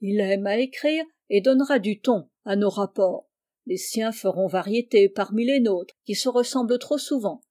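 A woman's voice: mid-range voice, moderate pace, mellow, close to an everyday voice. A woman voicing a spirited teenage girl who speaks with bold emphasis, read aloud from a storybook. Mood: rousing.

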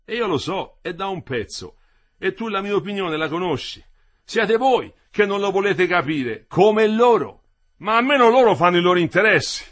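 A man's voice: sits high, expressive, normal speed, a bit bright, voice pushed up. A man reading the part of an older builder, wry and teasing, who later gasps in pain and slips into delirium. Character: old weary Florentine builder, dying after a fall.

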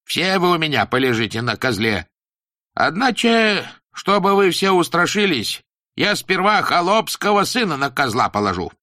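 A man voicing a stern, pompous old-time schoolmaster who lectures in slow, rhyming sing-song sentences. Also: a little high, sing-song, bright, forceful tone, no echo, studio quality, pitched above the performer's own voice. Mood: threatening.

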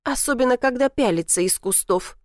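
A woman voicing an indignant, sharp-tongued young city woman who snaps back. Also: fairly high pitch, expressive, a little fast, no room sound, clean studio sound, voice pushed up, lightly acted. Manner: indignant, snappy.

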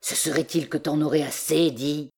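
A woman reading aloud, voicing a rough, jealous young countryman who talks bluntly in rustic speech. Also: low voice, steady tone, moderate pace, a little mellow. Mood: gruff.

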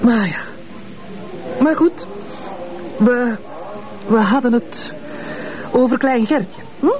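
Slowly and on the high side, an actress with a Flemish accent plays the witness, a sardonic, bitter ex-wife in her fifties, in a radio drama. Her tone mocks and insinuates, and a crowd can be heard behind her.

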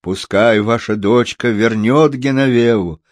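A man voicing a poor old puppeteer who pleads slowly and emphatically. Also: mid-range voice, no echo, clean studio sound, lightly acted. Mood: indignant.

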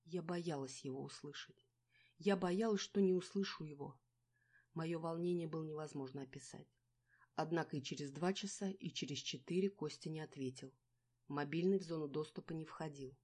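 A woman reading a novel aloud in the first person, with a steady, measured delivery. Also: low voice. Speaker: audiobook narrator. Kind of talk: first-person scripted narration.

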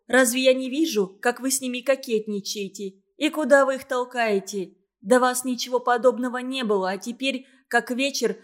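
A woman reading an audiobook, voicing an earnest young woman who scolds and moralizes loudly. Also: on the high side, close to an everyday voice.

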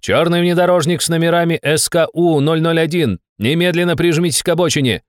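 A man playing an angry traffic police inspector shouting orders. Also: fairly high pitch, a little fast, dry recording, clean studio sound, pitched above the performer's own voice, natural voice.

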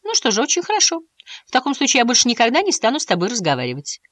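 A woman's voice: on the high side, huge pitch swings, rapid-fire, a bit bright, dry recording, pitched above the performer's own voice, exaggerated voice. A woman voicing a proud, stern young female mouse in a storybook. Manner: stern, indignant.

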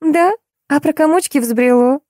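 A woman playing a brisk, gossipy props woman, sharp-tongued and pitched up, in an audiobook. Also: dry recording, clean studio sound. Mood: gossiping. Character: brash gossipy female theatre props woman.

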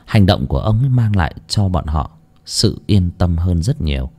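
Male narrator, low voice, lively up-and-down delivery, dramatic story. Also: normal speed. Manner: expressive, lively intonation.

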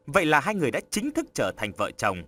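Expressive male storyteller. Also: on the high side, fast talker. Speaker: narrator. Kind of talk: scripted audiobook narration.

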